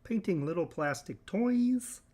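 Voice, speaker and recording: A man's voice: animated, a little slow, warm tone. A man doing a nasal impression of a cheerful male frog puppet. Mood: chirpy. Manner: high nasal wobbly impression.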